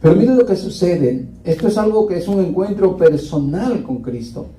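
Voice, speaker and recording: A man's voice: sits high, lively intonation, moderate pace, warm tone. Male preacher, sermon delivery, rhetorical questions to the brothers; distant mic in a roomy, echoing church. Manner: rhetorical questions to the congregation, addresses listeners as brothers. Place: church hall. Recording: echoey room, distant mic.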